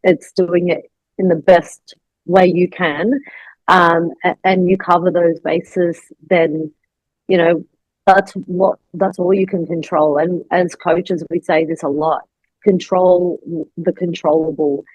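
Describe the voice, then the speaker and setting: A woman with a lowish voice speaks as a bodybuilding coach in a relaxed podcast chat. Her delivery is reassuring and advisory, often pausing on fillers as she thinks aloud. The sound is dry and close, with little room in it. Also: dry recording, dull audio. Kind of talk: casual podcast conversation.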